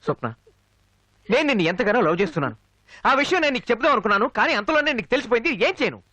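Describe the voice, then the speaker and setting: A man's voice: very high-pitched, sing-song, very fast, no room sound, full character voice. An actor playing a cocky young male college student who is in love with his older lecturer, in a dubbed film. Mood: pleading. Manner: playful, then loud and indignant.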